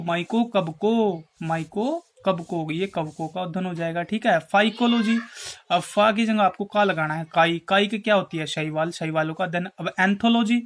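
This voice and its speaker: A man from Haryana, teaching an exam-prep lesson and explaining memory tricks slowly, checking in often with his viewers. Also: high voice. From Haryana, India. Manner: explains slowly, checks in with repeated "theek hai", addresses viewers as friends.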